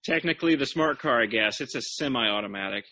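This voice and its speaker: A man's voice: medium pitch, expressive, fairly quick, bright, forceful tone, no echo. A man appearing as a guest on a casual car podcast, giving short replies and laughing easily.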